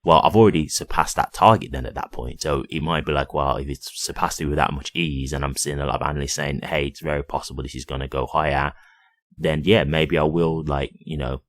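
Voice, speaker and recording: Speaking with a rumbling low voice and a steady tone, a crypto YouTuber gives off-the-cuff commentary to his audience at a brisk clip. He's conversational and keeps tagging lines with "right?" The studio recording is clean, with no echo.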